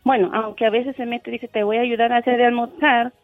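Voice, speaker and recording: A woman's voice: fairly high pitch, little pitch movement, fast talker, no echo, soft background music. A middle-aged woman from Mexico calling in to a show, chatting agreeably and laughing easily. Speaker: caller. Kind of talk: phone call-in chat. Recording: dry, muffled phone line.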